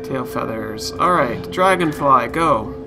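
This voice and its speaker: A gaming streamer with a creaky, expressive, medium-pitched voice speaks slowly in live let's play commentary, muttering brief reactions to himself and reading game text aloud. Game music plays in the background.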